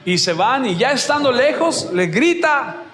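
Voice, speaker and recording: A man preaching a sermon as pastor, telling Bible stories with lively energy and acting out the scenes. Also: very high voice, a little slow, echoey room, in a large hall. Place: church.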